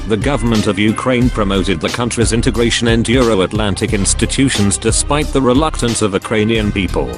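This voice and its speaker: A man with a disguised deep voice reading out a scripted statement in a solemn, declarative manner. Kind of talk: scripted statement read aloud. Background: music playing underneath.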